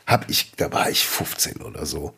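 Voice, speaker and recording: With a pushed, bright voice at a moderate pace, this podcast co-host in his fifties rambles through stories in casual conversation, stopping to correct himself as he goes.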